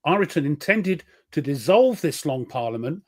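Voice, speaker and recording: British male host, jokey history chat, voice on the higher side. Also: big pitch swings, moderate pace. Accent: British English. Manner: chatty, jokey, reads history facts aloud. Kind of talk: casual chat.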